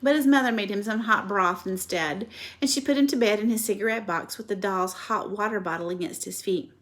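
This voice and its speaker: A woman's voice: medium pitch, fairly quick, fairly bright tone. A woman reading a children's chapter book aloud expressively, stopping to show the pictures.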